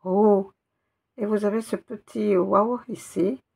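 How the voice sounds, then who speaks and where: A woman's voice: mid-range voice, steady tone, slow pace, vocal fry, darkish tone, slightly rough. A woman teaching Arabic letters one by one, patiently spelling out each sound and repeating it. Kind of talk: step-by-step reading lesson.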